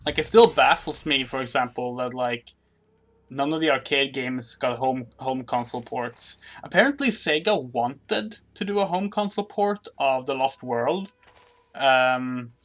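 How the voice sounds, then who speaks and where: A man's voice: mid-range voice, measured pace, fairly bright tone. A man giving casual, musing gameplay commentary with a mild grumble, faint game sounds behind him. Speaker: gaming commentator.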